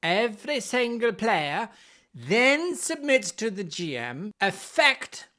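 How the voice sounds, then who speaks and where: In a very animated voice that sits high and has a sharp tone, a man speaks slowly while explaining tabletop role-playing games. His presentation of the advice is theatrical and playful, dotted with sarcastic asides.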